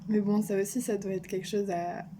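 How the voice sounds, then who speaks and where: A woman's voice: medium pitch, little pitch movement, brisk. Earnest young Frenchwoman, noisy background. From France. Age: young adult. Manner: hesitant, many fillers and restarts, earnest advice. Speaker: vlogger. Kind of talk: casual vlog monologue.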